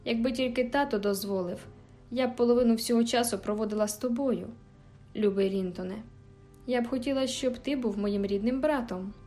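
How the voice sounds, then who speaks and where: A woman voicing a spirited, quick-tempered teenage girl in an audiobook, with emphatic, indignant outbursts. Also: a little high, mellow, natural voice. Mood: pleading. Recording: faint background music.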